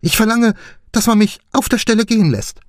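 A man voicing a haughty aristocratic lady who protests in a shrill, indignant voice. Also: expressive, a little fast, no echo, clean studio sound.

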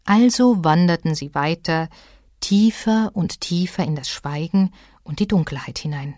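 A woman reading a children's story aloud in an expressive way. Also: fairly low pitch, measured pace, no echo, studio quality.

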